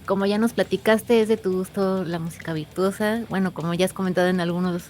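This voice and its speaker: A woman's voice: medium pitch, steady tone, racing, darkish tone, faint music behind. A woman hosting an interview, speaking in a formal, welcoming way. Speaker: interview host.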